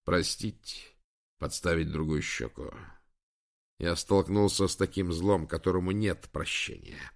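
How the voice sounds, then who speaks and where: A man doing a quiet, bitter old admiral. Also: sits low, a little slow, vocal fry. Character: broken retired male admiral in his late fifties.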